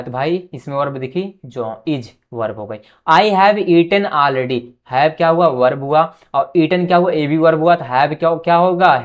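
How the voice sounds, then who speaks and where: A male teacher giving an exam-prep grammar lesson. He asks the class a quick question and answers it himself, dropping softly on each answer word. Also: fairly high pitch. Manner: quizzes students with quick questions, then answers them himself.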